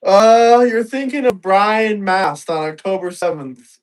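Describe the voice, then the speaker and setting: A blunt, combative man comes through on a video call whose audio keeps breaking up and dropping out. His voice sits a little high for a man, and it sounds choppy and distant through the failing connection. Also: lively intonation, slow. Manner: blunt, argumentative, swears. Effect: online call cutting out and breaking up. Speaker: debate guest on a call. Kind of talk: heated political argument.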